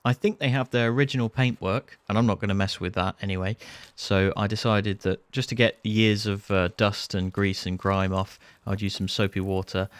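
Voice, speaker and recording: A man's voice: on the low side, steady tone, normal speed, few pauses, clean tone, dry recording. A British man in his thirties narrating a restoration video in an understated, conversational way with casual asides. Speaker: host of restoration video series. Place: barn workshop. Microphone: clip-on lapel mic.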